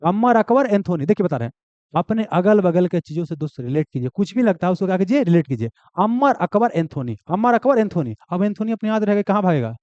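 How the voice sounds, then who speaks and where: A man's voice: high-pitched, expressive, quick pace, mellow, dry recording. A man teaching an exam coaching class, repeating key answers and asking and answering his own questions. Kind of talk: classroom lecture. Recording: dull, dry, lo-fi sound.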